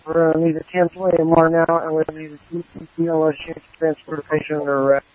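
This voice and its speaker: A man's voice: a little high, little pitch movement, rapid-fire. A man on an emergency crew reporting from the field over a two-way radio, matter-of-fact with hesitant fillers. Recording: muffled radio transmission.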